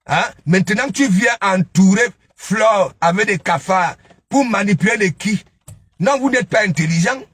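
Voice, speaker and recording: A man's voice: high-pitched, a little slow, fairly bright tone, slightly rough, dry recording. A man giving a taunting, scolding commentary, mocking his target and repeatedly asking "hein?". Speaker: online gossip commentator. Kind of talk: ranting live commentary.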